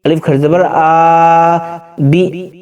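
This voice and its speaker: Man teaching Quran reading, chants syllables slowly, higher voice, heard from a distance. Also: fairly even intonation, mellow, lo-fi sound. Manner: slow syllable-by-syllable drilling, breaks into chanted recitation. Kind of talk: spelling-out recitation lesson. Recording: distant from the mic.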